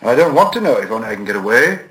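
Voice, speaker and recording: A man's voice: medium pitch, lively intonation, a little slow, a bit bright, pitched above the performer's own voice, low-quality recording. A man playing a frightened, polite little hobbit who speaks up nervously and earnestly. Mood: flustered. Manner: nervous, earnest, a bit raised.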